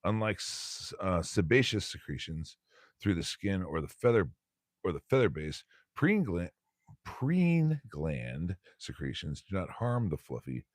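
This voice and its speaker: A man's voice: low-pitched, big pitch swings, a little slow, no room sound, studio quality. A man hosting a solo stream, reading a bird textbook aloud with casual, rambling commentary, laughing often and stumbling over words.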